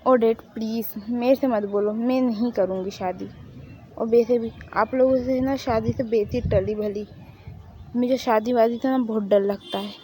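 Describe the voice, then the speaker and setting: A woman's voice: fairly high pitch, fairly even intonation, normal speed, warm tone, a little hiss or hum, natural voice, poor audio. A woman voicing a stubborn young woman who is a superfan and complains and pleads with her parents. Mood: whiny.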